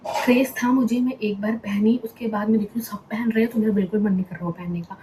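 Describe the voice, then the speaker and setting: Young woman chatting while packing, keeps going quiet, almost whispering, roomy echo and hiss behind her. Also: mid-range voice. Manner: chatty, thinking aloud, mixing in English words; often drops to a hushed near-whisper. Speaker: vlogger. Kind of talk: casual packing vlog chat. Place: home bedroom at night.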